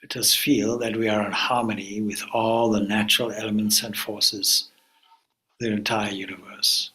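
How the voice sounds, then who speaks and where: In this low-quality recording, a man with a voice on the low side guides a meditation as a spiritual teacher. He speaks calmly and deliberately, in short phrases separated by pauses.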